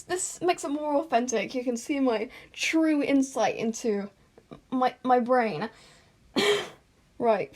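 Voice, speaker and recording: An amateur fan fiction narrator with a voice on the high side and a little mellow reads in an informal, self-conscious manner. She frequently stumbles, re-says lines, and drops in retakes and asides.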